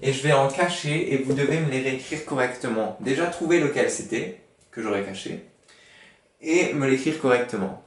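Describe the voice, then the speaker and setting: A man's voice: mid-range voice, expressive, normal speed. A man teaching a spelling lesson to schoolchildren, patient and explaining word origins with many fillers. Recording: roomy, from far off the mic.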